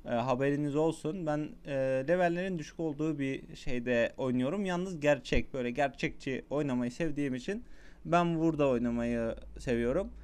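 Young man, gameplay commentary, chatty and excitable, smooth clear voice. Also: a little high, brisk. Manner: excitable, shouts at the game, chatty with viewers. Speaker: gaming YouTuber.

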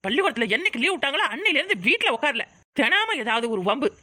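A woman with a Kanyakumari Tamil accent voicing a loud, hot-tempered village mother in a cartoon, scolding and shouting. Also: sits high, big pitch swings, very fast, dry recording, clean studio sound, full character voice. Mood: grumbling. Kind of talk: cartoon voice acting.

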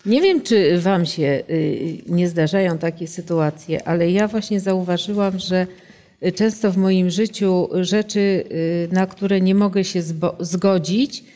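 A woman with a low, mellow voice takes part in a Bible study discussion. She answers firmly and plainly and states her view without hedging. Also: fairly even intonation, slow pace. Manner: firm, decisive replies.

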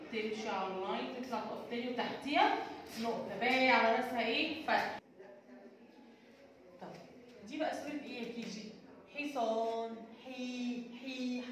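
A high-voiced woman with an Egyptian accent teaches a kindergarten lesson, asking her questions and then answering them in a sing-song way. The recording is very echoey and catches her from a distance. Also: a bit bright. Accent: Egyptian Arabic.

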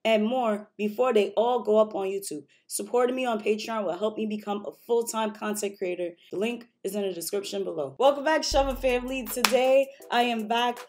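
A woman talking in a casual reaction vlog, excitable, slangy and profane. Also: a little high, brisk, hardly any pauses. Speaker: anime reaction YouTuber.

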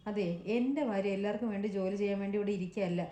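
A woman's voice: medium pitch, rapid-fire, warm tone, reverberant, lightly acted. A woman voicing a scolding stern mother.

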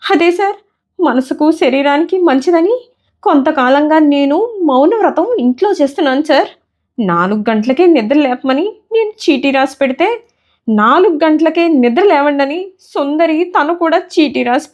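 A woman voicing a timid, frightened male clerk who pleads and apologizes in a high voice. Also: animated, moderate pace, a little mellow. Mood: pleading.

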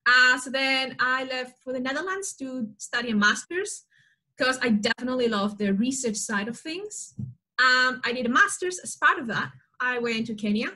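A young woman from Spain speaks with a bright, clear, slightly high voice. She explains eagerly as a guest, with plenty of fillers. She is talking into a video call from a small room at home. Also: moderate pace. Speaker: biologist guest. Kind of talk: casual video-call interview.

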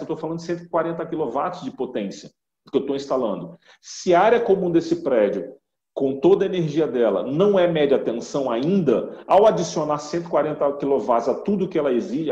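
Brief: middle-aged male speaker, mellow slightly high voice, explains patiently with restarts, roomy webcam sound. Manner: explanatory, many self-corrections. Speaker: industry speaker. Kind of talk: online conference talk. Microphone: webcam on a video call. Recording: roomy, dull lo-fi webcam audio.

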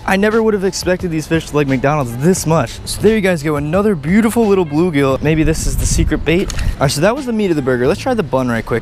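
An excitable young man in his twenties talks through a casual fishing vlog beside a pond, keeps throwing in "dude" and "literally", and his voice sits a little high. It was caught outdoors on a body-worn action camera with faint outdoor noise behind it. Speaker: fishing vlogger.

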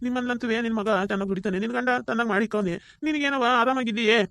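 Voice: medium pitch, very fast, fairly bright tone, natural voice. A performer voicing a greedy, lazy village man, wheedling in a cartoon. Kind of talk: cartoon voice acting.

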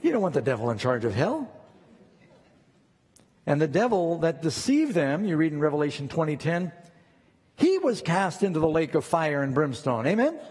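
A man delivers a sermon in a big echoing hall, his voice a little husky and pitched somewhat high for a man. He tells stories and pushes his points home with rising, emphatic questions. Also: very animated, moderate pace, long pauses, a little mellow. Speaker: pastor.

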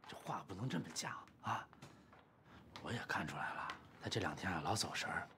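A man playing a patient teacher who speaks calmly and softly persuades. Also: sits low, brisk, a little hiss or hum, heavily acted. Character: gentle patient male teacher, neighbor. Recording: music score playing behind.

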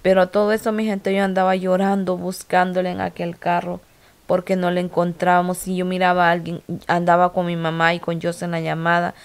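A woman's voice: fairly low pitch, completely flat delivery, a little fast, smooth. A middle-aged woman, emotionally retelling a story to her viewers in casual vlog style. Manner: emotional, repetitive retelling with quoted dialogue. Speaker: vlogger.

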